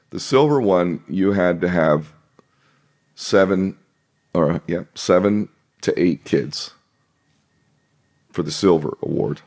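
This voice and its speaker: A man's voice: low voice, vocal fry, darkish tone. A man talking passionately as a podcast guest, emphatic and repetitive, with frequent swearing. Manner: emphatic, repeats himself, swears. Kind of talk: impassioned podcast interview talk.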